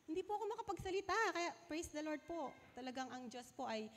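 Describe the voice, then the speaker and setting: A woman's voice: sits high, animated, fast, a little hiss or hum. A woman pastor preaching a sermon, earnestly asking her congregation questions, still recovering from a fever. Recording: long hall reverb.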